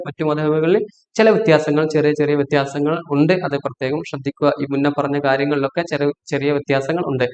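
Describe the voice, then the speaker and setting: A man preaching, asking rhetorical questions and answering them himself while urging his listeners to take special note. His voice sits a little high for a man. The recording is roomy and echoey, with a dull, lo-fi sound. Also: a little mellow. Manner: asks rhetorical questions and answers them, repeats reminders to pay attention. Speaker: Islamic preacher. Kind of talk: religious instruction talk.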